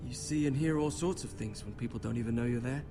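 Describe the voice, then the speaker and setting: Actor as a meek, observant serving lad, respectful and halting, fantasy game dialogue over a score. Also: male voice, mid-range voice, over music, close to an everyday voice. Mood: confiding. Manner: hesitant, respectful. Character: humble, deferential young servant boy, kindly and observant.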